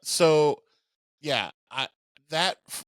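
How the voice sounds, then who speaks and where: Easygoing halting sports podcast co-host. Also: male voice, a little high, lively intonation, a bit bright, no echo. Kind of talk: casual sports chat.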